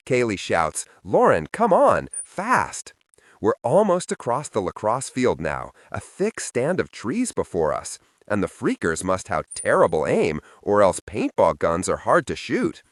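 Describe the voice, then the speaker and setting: A man narrating a first-person audiobook in a wry, expressive storytelling manner, close to the microphone. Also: fairly low pitch, no room sound.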